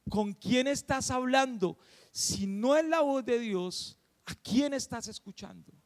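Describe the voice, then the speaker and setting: A man's voice: extremely high pitch, slow pace, big-room sound. A man preaching a sermon, emphatic and full of rhetorical questions.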